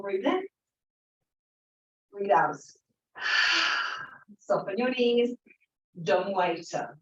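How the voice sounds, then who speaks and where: A woman leads a Pilates class, encouraging the group as she counts reps and cues each breath in and out. Her voice carries a roomy echo and sounds a little dull and muffled. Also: medium pitch. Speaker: Pilates instructor. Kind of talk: guiding an exercise class.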